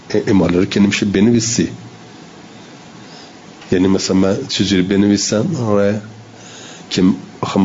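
Low-voiced guy teaching a class, reads arabic then explains it, kinda dull recording with faint hiss. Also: darkish tone. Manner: reads Arabic lines, then explains them in conversational Persian; demonstrates sounds aloud, repeats himself. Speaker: teacher of Quran recitation. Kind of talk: classroom lecture explaining a text.

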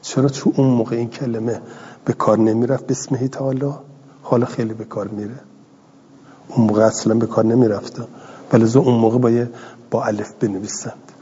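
A middle-aged man teaching a grammar class, reading a line of text and then explaining it slowly and patiently. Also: mid-range voice, little pitch movement, warm tone, slightly rough. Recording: dull lo-fi audio in a hall.

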